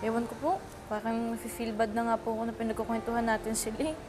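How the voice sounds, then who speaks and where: An actress playing a polite, gentle, guilt-prone daughter in a TV drama, with a Filipino accent. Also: female voice, a little high, completely flat delivery, fast talker, lightly acted. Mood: worried. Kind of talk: TV drama dialogue. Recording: music behind dialogue.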